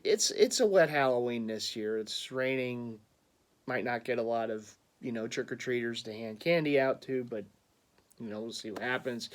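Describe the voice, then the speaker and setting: A man, rambling through a casual sports vlog full of stammered restarts and chuckles. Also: medium pitch. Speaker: sports fan vlogger.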